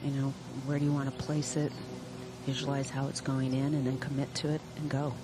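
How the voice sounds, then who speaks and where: A woman's voice: a bass voice, little pitch movement, brisk. A woman working as a golf commentator, giving explanatory live analysis of play. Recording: clear background noise, outdoor ambience. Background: outdoor ambience noise.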